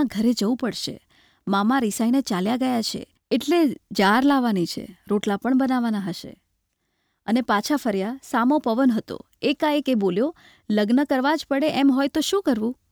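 A woman reading a literary short story aloud in a measured, expressive way. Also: fairly high pitch, no echo, clean studio sound. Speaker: narrator.

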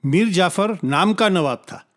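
Male narrator as a cheery, slow village lad, broad dialect, raised voice. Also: high voice, animated, fairly bright tone, pitched above the performer's own voice. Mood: shouting. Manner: broad rural dialect, earthy exclamations. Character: rustic village boy, slow-witted, cheerful.

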